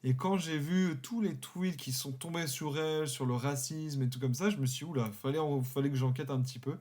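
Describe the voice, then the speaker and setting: A man's voice: on the high side, fairly even intonation, brisk, a little mellow. Chatty man explaining a news story. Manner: chatty, explains at length, jokes lightly. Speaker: podcast co-host. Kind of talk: casual sports podcast talk.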